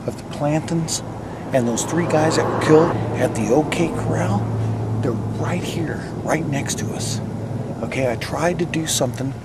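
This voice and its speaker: A middle-aged man talks casually to camera as host of a paranormal investigation. His voice sits at a middle pitch, and the camera mic catches plenty of outdoor noise around him. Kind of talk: casual on-location explanation to camera. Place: outdoors at night in town. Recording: noisy outdoor camcorder audio, traffic ambience.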